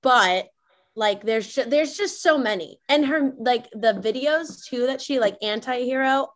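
A woman's voice: fairly high pitch, unhurried. Woman chatting casually as podcast guest. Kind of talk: casual fan chat. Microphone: video call.

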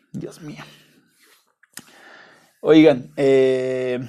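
A man's voice: mid-range voice, big pitch swings, very slow, a little mellow. A young adult man with a Mexican accent, hosting a podcast and telling stories in a rambling, slangy, profane way. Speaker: podcast host. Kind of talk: casual monologue storytelling.

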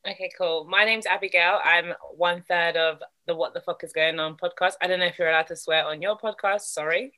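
A woman from the United Kingdom chats as a podcast guest, frank and breezy. Her voice is bright and forceful, sitting slightly low. She keeps things casual. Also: steady tone, a little fast, few pauses, poor audio.

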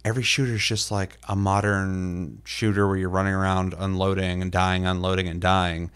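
A man with a very low-pitched voice chats casually on a gaming podcast. His delivery is loose and rambling, padded with fillers and dotted with swearing. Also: flat delivery, moderate pace, a bit bright, smooth. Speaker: podcast co-host.

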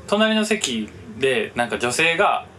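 A man's voice: mid-range voice, measured pace, a crowd in the background. A man with a Kansai accent telling a story in casual podcast chat, full of fillers. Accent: Kansai Japanese. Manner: rambling, many fillers, lively telling. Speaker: podcast co-host.

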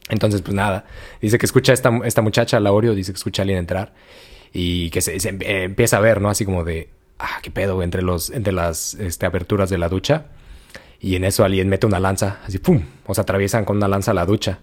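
A man's voice: sits low, fairly quick. Slangy Mexican man telling a story. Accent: Mexican Spanish. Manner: slangy, animated, acts out quotes. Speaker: podcast host. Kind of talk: casual storytelling chat.

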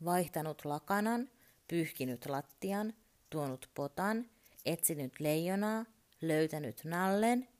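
A woman reading a children's bedtime story aloud, expressive and often dropping into a whisper. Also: on the low side.

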